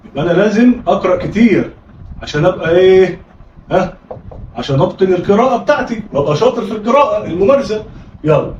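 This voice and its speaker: A man's voice: high voice, expressive, rapid-fire, darkish tone, slight background noise. A man with an Egyptian accent teaching children to read Arabic, coaxing them through call-and-response drills and prompting them again and again. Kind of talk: children's reading lesson. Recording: roomy, distant, slightly dull audio.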